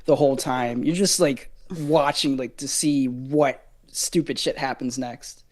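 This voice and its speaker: A man's voice: mid-range voice, fairly even intonation, unhurried, darkish tone. A young man guesting on a casual movie review, rambling with lots of fillers, slang and swearing.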